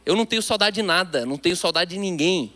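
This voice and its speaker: A male pastor with a Brazilian Portuguese accent delivers a sermon in a fairly high voice. He preaches with emphasis, switching often between loud declarations and quiet, hushed asides. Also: lively intonation, quick pace.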